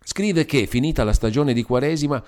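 A man's voice: fairly quick, close to an everyday voice. A man putting on a fiery bold young wife. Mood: feisty. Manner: lively, scornful, raised pitch. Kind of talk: audiobook character voice.

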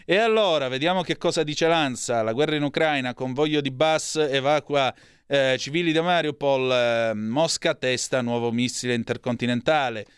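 A man's voice: mid-range voice, normal speed, smooth, dry recording, studio quality. A man hosting a live radio press review, reading headlines with hesitations, self-corrections and asides. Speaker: radio news host.

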